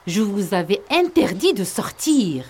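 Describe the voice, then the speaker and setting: A woman's voice: mid-range voice, sing-song, unhurried, mellow, slight background noise. A woman playing a protective, worried mother in a storybook, stern and anxious in tone. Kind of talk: storybook voice acting.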